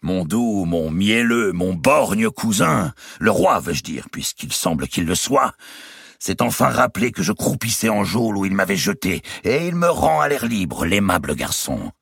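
A man voicing a brash, mocking giant of a royal nobleman, loud and bellowing in an audiobook reading. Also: fairly low pitch, very animated, unhurried, creaky, slightly rough, dry recording, clean studio sound, pitched above the performer's own voice, heavily acted.

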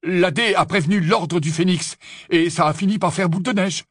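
A man's voice: sits high, normal speed, fairly bright tone, no echo, clean studio sound, pitched above the performer's own voice. A man doing a sheepish, stammering teen wizard. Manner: stammering, offhand. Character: cheeky teenage boy wizard, sheepish.

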